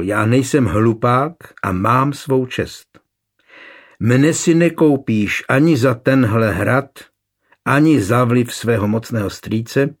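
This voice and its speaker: A man with a husky voice voicing a proud nobleman coldly telling his wife he is leaving, in an audiobook. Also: medium pitch. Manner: cold, measured.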